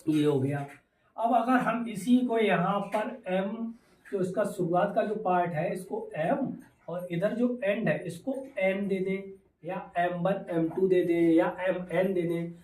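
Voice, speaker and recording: A man's voice: high voice, takes it slowly, a little mellow, far from the mic. A male teacher giving a physics lesson, asking questions and answering them himself, mixing in English terms. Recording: echoey room, voice away from mic.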